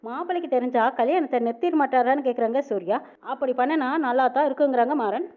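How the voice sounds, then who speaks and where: High-voiced woman rattling off a serial recap, tinny phone-line sound. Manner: rapid, with a reporting tag after each quoted line. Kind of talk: fast retelling of a TV serial episode, quoting every character. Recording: narrow phone-like band.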